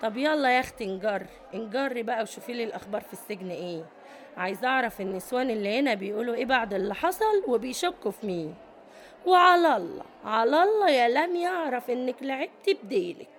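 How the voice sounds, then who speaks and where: A tough middle-aged prison queen with an Egyptian accent, acted by a woman, barking orders at her underlings. Her voice sits a touch high and she talks in a bossy, scolding way. A faint hiss runs under the radio-play recording. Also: animated, fast, natural voice.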